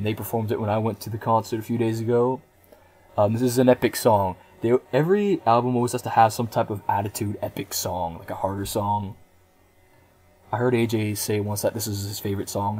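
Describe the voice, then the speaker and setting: A man's voice: on the low side, mellow. A young man in his twenties giving a casual, rambling album review, hesitating often with frequent ums and small restarts. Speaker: music reviewer.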